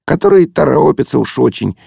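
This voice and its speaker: A man's voice: mid-range voice, animated, a little fast, vocal fry, mellow, breathy edge, no echo, clean studio sound, pitched above the performer's own voice, exaggerated voice. A man voicing a stern but timid young traffic militiaman who mumbles cautiously and deferentially.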